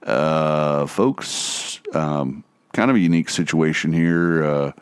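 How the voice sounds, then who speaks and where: A low, smooth-voiced airline pilot speaks to passengers in a flat, unhurried monotone, as a man puts him on. The drawl is full of "uh" pauses, just like a cabin announcement. The sound is dry and close to the mic. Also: dry recording, heavily acted. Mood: deadpan. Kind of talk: casual podcast chat, impression.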